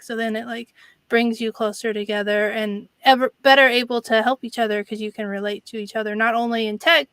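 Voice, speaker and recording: A woman's voice: on the high side, fairly bright tone, clear, resonant tone, no room sound. A woman hosting a casual interview in a chatty, conversational way, peppering her speech with "like". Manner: conversational, frequent "like" as filler. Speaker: interviewer, host.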